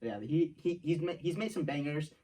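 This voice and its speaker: A man's voice: fairly high pitch, normal speed, mellow, far from the mic. A young man co-hosting a student podcast, talking in a casual, teasing way with many fillers. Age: young adult. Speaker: co-host. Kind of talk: casual chat.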